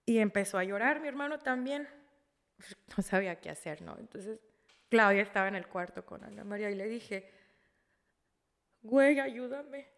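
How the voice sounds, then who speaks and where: A woman with a Mexican accent telling an emotional personal story, halting, with many restarts and repeated words. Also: medium pitch, gravelly, a bit bright, big-room sound.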